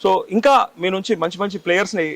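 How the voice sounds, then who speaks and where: A man, a journalist asking questions eagerly and dropping quick affirmations. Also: high-pitched, fairly even intonation, fairly bright tone. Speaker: journalist interviewer. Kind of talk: interview questions.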